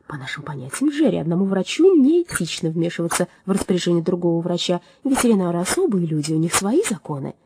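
Brief: a woman as a kind storybook doctor, soft and patient. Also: lowish voice, big pitch swings, quick pace, hardly any pauses, breathy edge, full character voice. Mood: gentle. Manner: gentle, reasoning.

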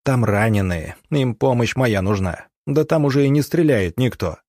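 A man's voice: medium pitch, animated, moderate pace, darkish tone, dry recording, studio quality, close to an everyday voice. A man voicing a tired young country doctor who speaks firmly and curtly. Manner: curt, firm.

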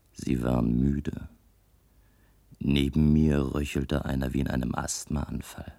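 In this scripted German science fiction radio drama, a very low male voice narrates in the first person as the lead character, a composed, self-assured inventor of games from a future society. His gravelly, warm voice sounds articulate, measured and reflective, and the performance is heavily acted.

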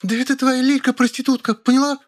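A man's voice: very high voice, flat delivery, quick pace, voice pushed up. A man voicing a brash, quarrelsome young woman who screeches insults at her neighbours. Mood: shrieking, furious.

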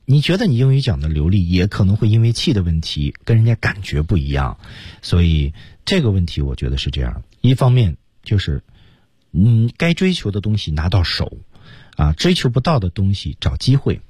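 A man teaching English pronunciation on a radio show, slowly drilling phrases and stressing the key words. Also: low voice, big pitch swings, a little mellow, husky, dry recording, studio quality. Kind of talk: radio language lesson. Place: radio studio.

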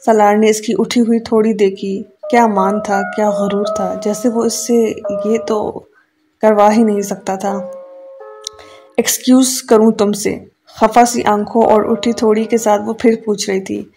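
With faint music underneath, a female audiobook narrator delivers a novel in a steady, composed manner. She speaks at a medium pitch.

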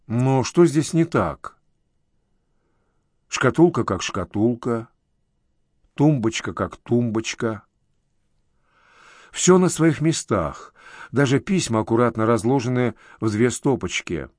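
A man with a mid-range voice narrates an audiobook in a measured, expressive reading, with a dry recording and clean studio sound.

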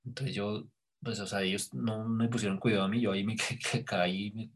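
A man telling a personal story in a casual conversation, animated and dropping to a hushed voice at tense moments. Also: on the low side, fairly quick, noisy background. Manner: animated storyteller, drops to hushed voice when quoting himself. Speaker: guest recounting an experience.

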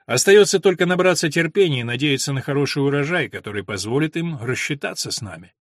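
A man voicing a calm, smug old steward. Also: on the high side, fast, dry recording, studio quality. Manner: calm, unruffled.

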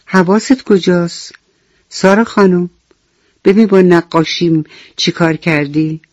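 A woman's voice: fairly low pitch, darkish tone, dry recording, close to an everyday voice. A woman voicing a young girl in a bedtime story on the radio, in a lo-fi recording. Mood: annoyed. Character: young girl Mahtab, upset then regretful.

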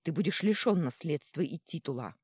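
A woman voicing a cruel, domineering noble father, cold and contemptuous, who bursts into shouting rage. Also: low voice, expressive, fairly quick, husky, no echo, studio quality.

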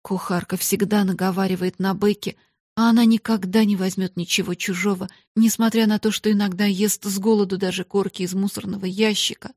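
A woman's voice: medium pitch, little pitch movement, brisk, a little mellow, no room sound, clean studio sound, close to an everyday voice. A woman doing a proud, earnest poor young girl. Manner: restrained, earnest.

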